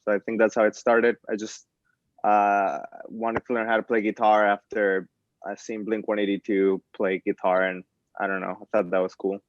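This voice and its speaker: A man from Colombia chats loosely in a casual video interview, rambling a little and laughing easily. His voice sits fairly low. The audio is dry and dull. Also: flat delivery, normal speed, no echo. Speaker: band member, guest.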